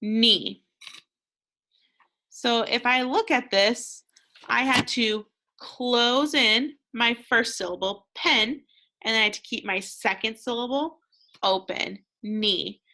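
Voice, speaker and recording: An American woman teaching a slow, clear phonics lesson to young children, patient and encouraging, pausing for answers. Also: on the high side, sharp tone. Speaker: second grade teacher.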